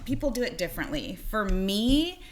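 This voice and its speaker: A woman's voice: medium pitch, sing-song, moderate pace, slight background noise. A woman in her thirties co-hosting a podcast, telling a dating story in a rambling way full of fillers. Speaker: podcast co-host. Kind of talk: casual chat.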